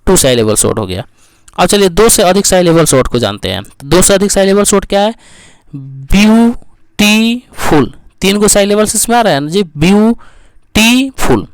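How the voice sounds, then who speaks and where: Man teaching grammar with a tinge, smooth clear voice, stretches out english words, dry close sound. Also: high voice, animated, fast, no room sound. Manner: asks the class questions and answers them himself. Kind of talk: lesson.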